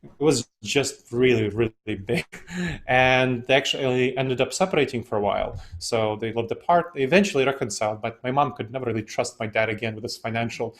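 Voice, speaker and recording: A relaxed man whose first language isn't English, speaking in a mid-range voice at a slightly quick pace. He's a decision-making expert guesting on an interview, casually telling stories and laughing often.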